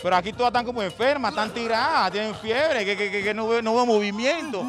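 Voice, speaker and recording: A man with a Panamanian accent doing loud, teasing comic street interviews at a stadium, often shouting. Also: sits high, fast talker. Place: outdoors at a stadium crowd. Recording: music and crowd noise. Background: crowd and music.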